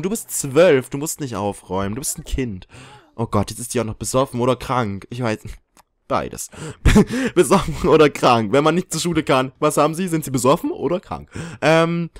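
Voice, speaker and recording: A man's voice: medium pitch, no room sound. A young man giving casual, joking commentary while playing a life-simulation game, often teasing the characters. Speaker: let's play host.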